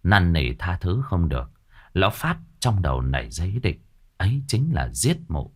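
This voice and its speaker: A man narrating a ghost story in a dramatic, expressive way. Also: low-pitched, moderate pace.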